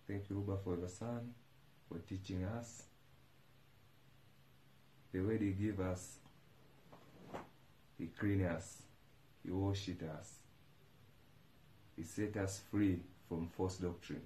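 Deep, slow, fervent Tanzanian man. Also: fairly even intonation, mellow, a little hiss or hum. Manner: fervent, declaring, repetitive praise. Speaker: church member giving testimony. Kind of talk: prayerful testimony. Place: indoors on a sofa in a living room. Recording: echoey room.

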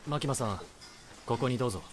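An actor voicing a serious, reserved young male devil hunter in an anime, speaking in a measured way. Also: medium pitch, faint music behind, close to an everyday voice. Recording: anime scene with bar crowd chatter.

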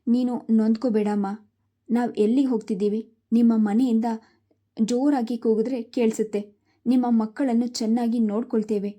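A woman voicing a kind elderly woman who gently comforts a young mother in a told story. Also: fairly high pitch, steady tone, moderate pace, lightly acted. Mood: comforting.

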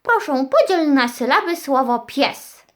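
A woman's voice: high voice, expressive, a little slow, a bit bright. A young woman teaching a small child in a children's lesson, patient and encouraging as she guides step by step. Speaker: children's educator.

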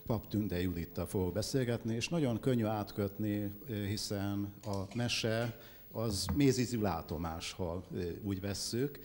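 A man moderates a literary afternoon and questions an author with measured, thoughtful phrasing. His voice is very deep, with faint background noise under a long hall reverb. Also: darkish tone. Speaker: event moderator interviewing an author. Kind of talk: literary interview. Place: library event hall.

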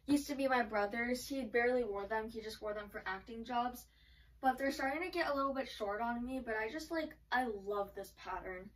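A woman's voice: fairly high pitch, recorded from a distance, rough recording. A woman vlogger chatting casually through a try-on haul, filling her talk with frequent "like". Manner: chatty, filler-heavy with frequent "like". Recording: voice from away from the mic.

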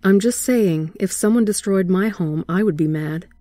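A woman's voice: medium pitch, moderate pace, warm tone, no room sound, natural voice. A woman voicing a laid-back, teasing teenage boy in a horror story reading, in a casual, offhand way. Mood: easygoing. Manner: casual, offhand, says "man".

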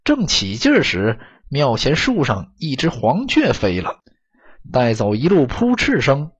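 Husky male storyteller, lively delivery. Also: mid-range voice, a little slow, highs cut off. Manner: expressive, dramatic storytelling. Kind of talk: audiobook story narration.

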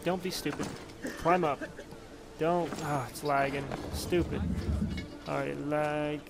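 A man's voice: a little high, fairly even intonation, slow, vocal fry, very noisy. A man giving casual, rambling commentary while playing a game, muttering and mildly cursing to himself. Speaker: gaming commentator. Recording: loud game music behind.

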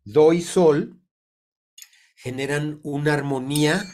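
This informal online lesson comes from a man in his sixties who teaches sound therapy; he has a Mexican Spanish accent, sounds stuffed up from a cold, and speaks deliberately with frequent pauses. Recorded through a computer mic in an indoor room on a video call, his voice runs a little high and darkish.

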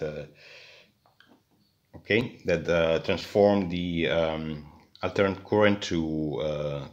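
Working at an indoor bench, a man explains an electronics repair step by step. His voice sits low but has a fairly bright edge, and he hesitates often, restarting sentences and leaning on fillers.

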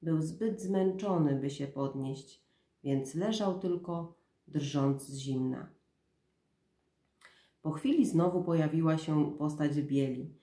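A woman in her thirties, a mother reading a storybook aloud in a soft, measured, quiet voice. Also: deep voice, reverberant.

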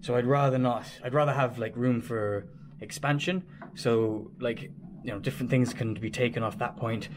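Inside a small boat cabin, a man presents a casual hands-on vlog, explaining his work and hesitantly thinking aloud as he goes. His voice is medium-pitched and steady at normal speed, with background noise present.

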